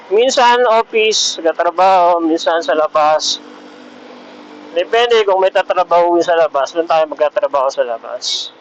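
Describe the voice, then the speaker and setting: A vlogger rides outdoors on the road in traffic, chatting casually and rambling as he thinks aloud in motovlog style. His voice is on the high side, expressive and a little slow. It comes through a motorcycle helmet Bluetooth intercom, giving a dull lo-fi sound with slight background noise.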